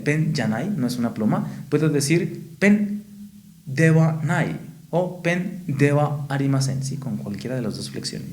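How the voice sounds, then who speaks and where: A Mexican-accented man teaching a casual video lesson, patient and repetitive, often checking in with a quick "¿sí?". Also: medium pitch, darkish tone, reverberant. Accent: Mexican Spanish. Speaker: Japanese teacher.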